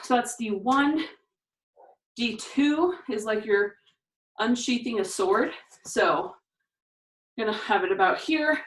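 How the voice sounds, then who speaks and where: A woman leads a workout demonstration, talking each move through as she does it and a little out of breath. Her voice sits somewhat high. She is recorded from a distance in an echoey room. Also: lively intonation, slow, long pauses. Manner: talks through each move while doing it, counting reps. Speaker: fitness instructor. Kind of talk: exercise demonstration. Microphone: camera mic from a distance. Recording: echoey room, voice far from the mic.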